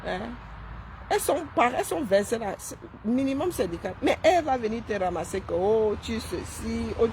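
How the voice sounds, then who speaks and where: A woman's voice: fairly high pitch, big pitch swings, brisk, background noise. A woman doing live-stream commentary while seated, mocking and sarcastic, often tossing in "hein?". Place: seated indoors.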